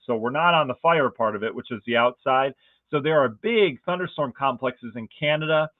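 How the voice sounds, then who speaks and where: A man's voice: a little high, no echo. Enthusiastic male weather forecaster, phone-thin sound. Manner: enthusiastic, conversational, asks viewers rhetorical questions. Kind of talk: casual weather forecast walkthrough. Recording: dry, phone-like narrow band.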